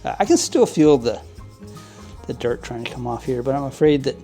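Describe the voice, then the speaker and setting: Animated and mellow, this mid-range male voice moves at a moderate pace over soft background music. The model train hobby channel host walks through cleaning trains at his work table in casual how-to style, rambling, restarting, using many fillers, and often giving little chuckles.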